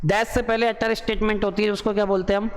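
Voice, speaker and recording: A male teacher with an Indian accent, explaining exam idioms in a lesson. He asks the class questions and answers them himself, reading the English phrases slowly and explaining them quickly. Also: sits high, level tone, big-room sound.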